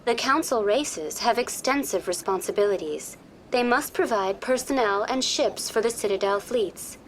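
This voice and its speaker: With a fairly high pitch and an animated, lightly acted delivery at a moderate pace, a woman voices a video game's programmed virtual intelligence tour guide. She's polite and informative, speaking formally and precisely in scripted dialogue, with a little hiss or hum present.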